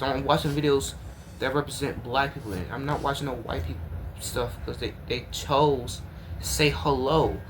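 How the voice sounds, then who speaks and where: A man's voice: medium pitch, background noise. A man hosting a reaction video, talking casually to viewers in an exasperated, repetitive way.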